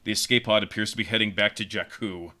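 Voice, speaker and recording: Figure: cold, commanding female armored captain, read by a man. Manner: clipped formal orders. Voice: bright and forceful. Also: on the low side, steady tone, quick pace.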